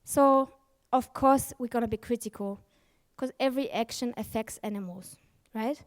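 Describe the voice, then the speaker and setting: A woman speaks at a normal pace with a slightly high voice while presenting from a conference stage. Her delivery is frank and forceful, peppered with swearing, fillers, and mid-sentence self-corrections.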